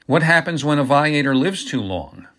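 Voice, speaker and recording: A man reading the part of a calm, hard enforcer who speaks in a dry, level, quietly menacing way. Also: a little high, moderate pace. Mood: probing.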